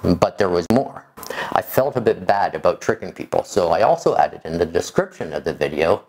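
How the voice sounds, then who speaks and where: Low-pitched, creaky-voiced man vlogging. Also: big pitch swings, normal speed, darkish tone. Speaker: video creator. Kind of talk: explanatory vlog to camera. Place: small furnished room indoors.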